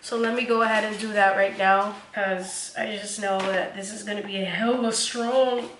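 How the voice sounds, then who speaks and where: A woman's voice: medium pitch, fairly even intonation, moderate pace, a bit bright, reverberant, slight background noise. A young woman making a casual cooking vlog in her home kitchen, chatty and joking, laughing often and swearing casually. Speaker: vlogger.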